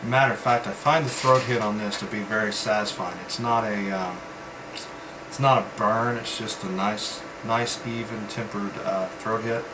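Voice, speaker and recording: Halting man reviewing products over background hum. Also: on the low side. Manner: rambling, halting delivery with pauses as he tastes. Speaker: vape reviewer. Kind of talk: casual product review vlog. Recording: steady background hum, like air conditioning.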